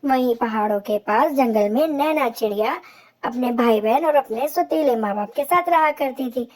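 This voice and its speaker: A woman's voice: sits high, normal speed. A woman narrating a children's cartoon story in a simple, plain storytelling manner.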